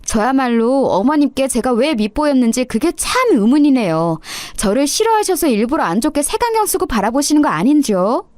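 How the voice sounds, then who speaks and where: A woman's voice: high voice, big pitch swings, a little fast, hardly any pauses, darkish tone, dry recording, clean studio sound. A woman voicing an insolent young daughter-in-law who talks with sarcastic, overly polite mockery. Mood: defiant.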